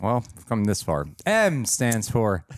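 This young man co-hosts a reaction show, trading crude jokes and laughter in casual chat. His voice is lowish with wildly swooping pitch and a slow pace, captured as clean studio sound with no room echo.

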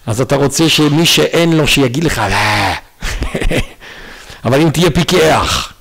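Rabbi telling stories in a synagogue. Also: male voice, a little high, fairly bright tone, rough recording. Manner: storytelling, quotes others in acted voices. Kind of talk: Torah lesson to a congregation.

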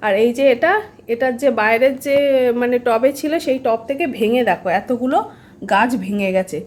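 A woman's voice: a little high, normal speed, a little hiss or hum. A woman chatting casually at home while filming her pets on a phone, often checking in with the viewer. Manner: coos softly to the pets. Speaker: pet vlogger. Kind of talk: casual home vlog chat. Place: home indoors.

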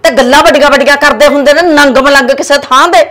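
A woman's voice: high-pitched, fairly even intonation, fast talker, crowd noise, close to an everyday voice. An actress playing a quarrelsome middle-aged village mother-in-law with a Punjabi accent and a sarcastic tongue. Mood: bickering. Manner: bickering, sarcastic.

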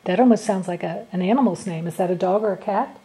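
A woman's voice: medium pitch, quick pace, warm tone. A woman working as a paranormal investigator, politely putting short, simple questions to spirits. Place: indoor classroom at night.

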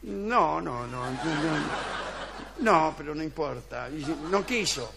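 A man with an Argentine accent telling an absurd story deadpan on a comic radio sketch, acting out the voices he quotes and chuckling. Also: on the high side, takes it slowly, vocal fry, a crowd in the background.

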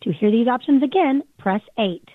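A woman's voice: on the high side, very noisy. Recorded phone menu voice of a woman. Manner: even, measured, polite. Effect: recorded phone menu message. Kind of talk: scripted recorded announcement. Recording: tinny phone line, dry.

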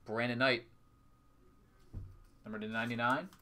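A man's voice: mid-range voice, flat delivery, moderate pace, bright, forceful tone. A man hosting a live trading card break, calling out items in short, clipped announcing phrases. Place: indoors at a tabletop with a display backdrop.

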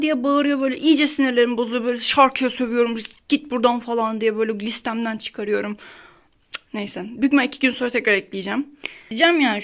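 Young woman, fairly high voice, casual study vlogger, chatty and rambling, phone-recorded at home and in a library. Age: young adult. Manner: chatty, rambling, animated about small annoyances. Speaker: vlogger, exam student.

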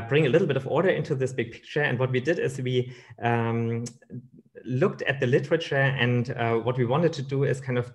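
Hesitant man giving a remote lecture. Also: medium pitch. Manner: hesitant, many fillers and restarts. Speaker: keynote speaker. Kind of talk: academic lecture over slides. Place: indoor room, webcam.

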